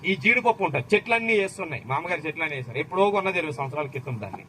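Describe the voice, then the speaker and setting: A man's voice: a little high, animated, racing, bright, forceful tone, a little hiss or hum, poor audio. A man from Andhra Pradesh preaching an impassioned sermon, firing rhetorical questions at the crowd and calling out hallelujah. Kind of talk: fervent sermon.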